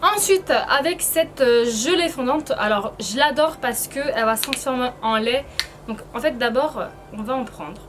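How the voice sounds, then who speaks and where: A woman's voice: sits high, normal speed, a bit bright, a little hiss or hum. A woman giving a casual, chatty beauty tutorial, hesitant and informal, her speech slightly impeded by painful braces. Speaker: beauty vlogger presenting a tutorial.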